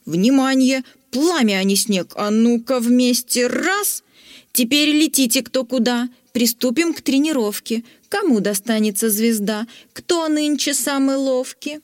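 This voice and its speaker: A woman's voice: a little high, animated, slow, no room sound. A woman voicing a strict, commanding female teacher at a dragon school in a storybook, drilling her class. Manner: bossy, drilling instructions.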